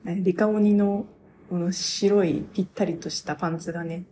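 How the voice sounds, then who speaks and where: A young woman talking casually on her own radio show, reviewing a stage play as an excited, gushing fan who laughs often. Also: on the low side, normal speed, a little hiss or hum. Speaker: podcaster.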